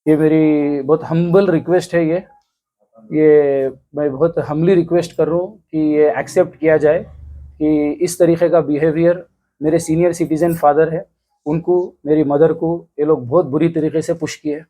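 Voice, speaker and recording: A man in his thirties with a Hyderabadi accent, giving an earnest, halting news interview. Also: on the high side, steady tone, mellow, dull audio. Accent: Hyderabadi Hindi. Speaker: interviewee, complainant. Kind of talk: news interview, recounting an attack.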